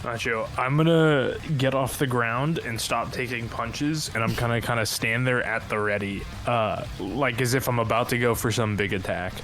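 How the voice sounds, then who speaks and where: A man's voice: mid-range voice, steady tone, normal speed, hardly any pauses, fairly bright tone, soft background music. A man playing a tabletop game, casually describing his character's moves.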